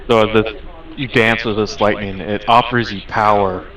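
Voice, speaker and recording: A man narrating a tabletop game as game master, improvising and pausing to find words. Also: on the low side, fairly even intonation, fairly bright tone. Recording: distant microphone.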